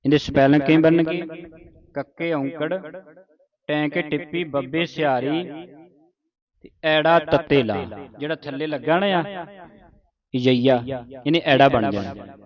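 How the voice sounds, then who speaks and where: A man teaching careful scripture pronunciation, reciting verses slowly syllable by syllable and correcting common mistakes. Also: on the high side, lo-fi sound, crowd noise.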